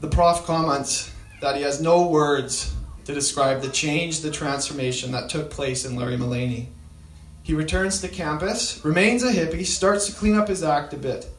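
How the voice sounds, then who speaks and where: Male storyteller, slightly high voice, halting delivery with fillers, roomy echoey sound. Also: a bit bright. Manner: halting, with frequent fillers and restarts. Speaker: speaker retelling a story. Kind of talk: storytelling talk.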